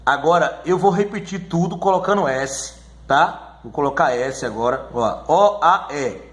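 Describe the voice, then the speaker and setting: A man teaching a grammar lesson, repeating words slowly and checking in often with his listeners. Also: on the high side, expressive. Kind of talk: classroom lesson on syllables. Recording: echoey room.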